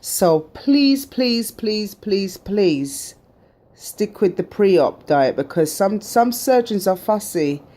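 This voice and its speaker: Speaking slowly with a medium, expressive and mellow voice, a middle-aged woman recounts her surgery journey in a vlog. She's chatty and emphatic, uses plenty of fillers, and finishes by spurring viewers on.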